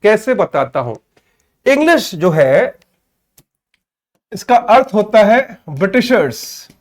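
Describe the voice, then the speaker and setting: A man with an Indian accent teaching an online English grammar class, calling students by name, checking they follow, and saying English phrases slowly word by word. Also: high voice, big pitch swings. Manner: addresses students by name, asks "clear?" often; mixes Hindi with slow, spelled-out English.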